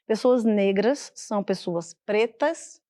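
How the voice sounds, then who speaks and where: A woman from Salvador, a guest explaining her points in a measured, emphatic way in a TV studio interview. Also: mid-range voice, mellow. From Salvador, Bahia, Brazil. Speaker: interview guest, public prosecutor.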